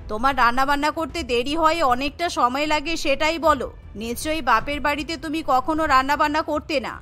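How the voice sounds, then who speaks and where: A woman's voice: high-pitched, pushed and bright, pitched below the performer's own voice. Woman voicing a bossy scolding mother-in-law. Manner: scolding, domineering. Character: stubborn bossy mother-in-law, middle-aged.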